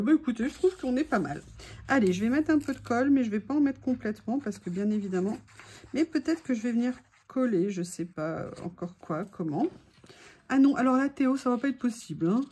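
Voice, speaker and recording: A woman's voice: on the high side, expressive, brisk, warm tone, husky. A woman chatting casually while making a collage at home, playful and teasing with asides to her dog. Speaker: craft vlogger.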